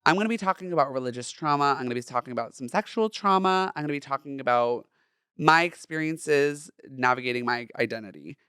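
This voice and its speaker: With a light, feminine voice at medium pitch, a young Southern Californian man talks fast on his personal solo podcast, campy, chatty and full of expression. His tone is clear and resonant, captured in studio quality with no echo.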